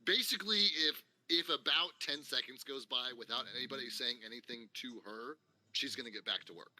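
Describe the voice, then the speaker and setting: A man narrates a tabletop game as its dungeon master, his voice very bright and forward. He meanders through descriptions with plenty of ums and likes. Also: mid-range voice, fairly quick, dry recording. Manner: rambling, filler-heavy narration.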